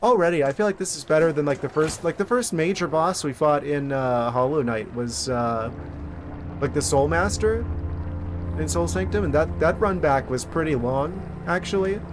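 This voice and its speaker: A man giving casual, wry gameplay commentary as a streamer, thinking out loud. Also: on the high side, moderate pace, noisy background. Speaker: game streamer.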